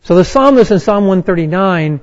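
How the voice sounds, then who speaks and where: A man preaching a sermon, reading and explaining scripture with slow, emphatic pauses. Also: high-pitched, expressive, muffled recording. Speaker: pastor.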